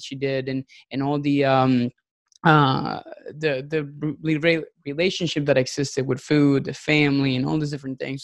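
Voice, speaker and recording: A man's voice: mid-range voice, dry recording. Man, podcast host and nutrition coach, casual chat, frequent ums and restarts, dry close sound. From Venezuela. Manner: chatty, many ums and restarts. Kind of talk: casual podcast introduction and interview.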